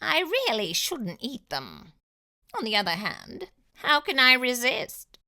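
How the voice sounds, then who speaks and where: A woman voicing a sly, greedy male fox in a children's storybook, with a smug, drawn-out, theatrical delivery. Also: sits high, wildly swooping pitch, sharp tone, pitched above the performer's own voice, exaggerated voice. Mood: sly, scheming. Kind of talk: children's storybook read-aloud.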